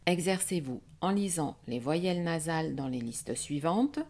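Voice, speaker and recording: A woman teaching French nasal vowels, saying words slowly and breaking them into syllables. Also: low-pitched, animated, darkish tone. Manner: slow, deliberate, syllable by syllable. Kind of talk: slow pronunciation drill.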